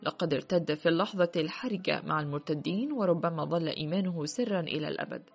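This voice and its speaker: A woman with a husky voice reading first-person literary narration in a steady, measured way. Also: low voice. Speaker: audiobook reader. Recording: muffled with faint background music.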